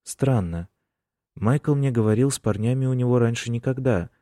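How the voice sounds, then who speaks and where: A man voicing a gentle, awkward young man who speaks softly and haltingly. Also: mid-range voice, dry recording, studio quality, pitched above the performer's own voice, natural voice. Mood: timid. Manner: soft, hesitant, halting.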